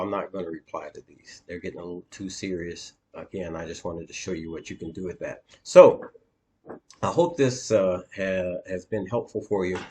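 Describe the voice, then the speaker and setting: A man coaching viewers in a screen-share walkthrough, talking plainly and haltingly with many fillers. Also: sits low, a little mellow. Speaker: dating coach.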